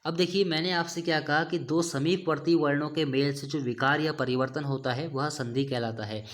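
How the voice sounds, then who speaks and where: A man's voice: fairly high pitch, steady tone, moderate pace. A man teaching a grammar lesson, often posing questions and answering them himself. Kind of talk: explaining lesson to students.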